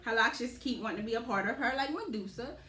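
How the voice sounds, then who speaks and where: A woman's voice: fairly high pitch, fast talker, reverberant, crowd noise. A woman co-hosting a casual podcast, slangy and laughing, full of "you know what I mean". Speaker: podcast co-host.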